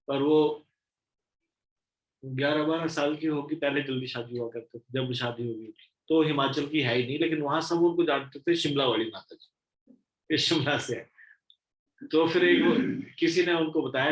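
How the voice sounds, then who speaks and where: A man preaching a scripture sermon, telling stories with gentle humor. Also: medium pitch, reverberant, poor audio. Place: temple hall.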